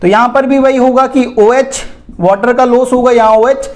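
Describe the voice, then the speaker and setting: A man's voice: very high voice, fairly even intonation, moderate pace. A man from India teaching an exam-prep chemistry lecture in a chatty way, calling his students "beta" and "bhai" and checking in with "theek hai" again and again. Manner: keeps repeating "theek hai" and "ye dhyan rakhen".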